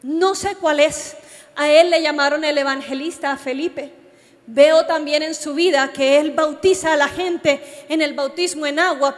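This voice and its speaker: In a large, reverberant meeting hall, a high-voiced Colombian woman delivers a youth sermon, animatedly telling her personal testimony and addressing the young listeners directly. The sound system leaves a long hall reverb on her voice.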